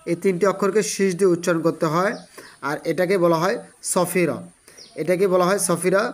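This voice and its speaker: A man giving an online Quran reading lesson, who spells out letters slowly and repeats them for his students. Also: high voice, steady tone. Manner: slow, repetitive spelling-out of letters; addresses students directly, encouraging.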